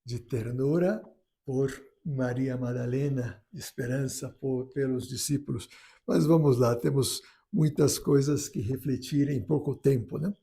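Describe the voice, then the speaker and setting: A man with a Brazilian Portuguese accent gives a gentle, unhurried spoken reflection on a gospel reading, often restarting his phrases. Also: mid-range voice, gravelly. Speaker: priest giving a gospel reflection.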